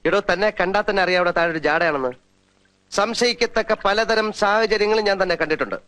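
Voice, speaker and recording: An actor playing a sharp-witted psychiatrist who teases and questions a young man in a 1990s film drama. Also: sits high, a little fast. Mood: teasing. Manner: teasing, then grave and hushed.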